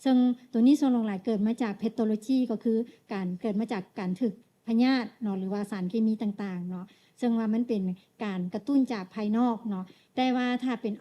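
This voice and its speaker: A woman with a Lao accent interpreting a medical lecture, measured, pausing often and ending phrases with tag particles. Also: a little high, warm tone.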